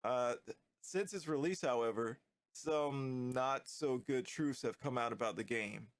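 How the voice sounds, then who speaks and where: A man with a stuffy, nasal voice from a cold, giving relaxed, slightly critical commentary on a video game. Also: mid-range voice, measured pace, dry recording. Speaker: gaming YouTuber.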